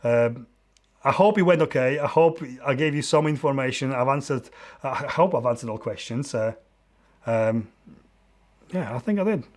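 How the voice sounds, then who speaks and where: In a casual live Q&A from his dim home studio, a Polish photographer and YouTuber in his forties speaks with a Polish accent in a mid-range, slightly mellow voice with lively intonation. He's friendly and open but halting, frequently restarting and filling pauses as he responds to questions.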